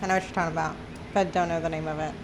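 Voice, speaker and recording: A woman co-hosting a casual podcast chat, quietly prompting with short questions. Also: low voice, flat delivery, very fast, background noise. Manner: soft, brief prompts and questions. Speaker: podcast co-host asking questions.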